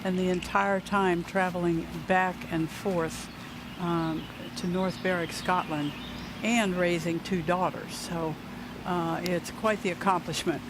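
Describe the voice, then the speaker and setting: A man giving conversational golf commentary as an analyst, pausing mid-thought. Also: sits high, little pitch movement. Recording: loud outdoor course noise.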